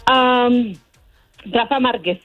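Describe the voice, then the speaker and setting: A woman's voice: a little high, very slow, lo-fi sound, soft background music. Hesitant female radio caller. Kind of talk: radio call-in.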